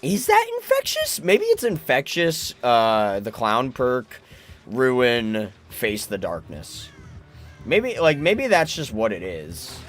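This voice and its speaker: Man, mid-pitched, animated delivery; casual gameplay commentary, thinks aloud and swears. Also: slow, faint music behind. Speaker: gaming channel host.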